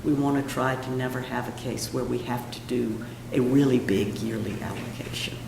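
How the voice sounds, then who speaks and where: A man with a hoarse, froggy voice from a cold, giving an informal presentation at a meeting. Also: mid-range voice, steady tone, normal speed. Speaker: presenter of a budget request at a town meeting. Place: meeting room, indoors. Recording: echoey room, clear background noise.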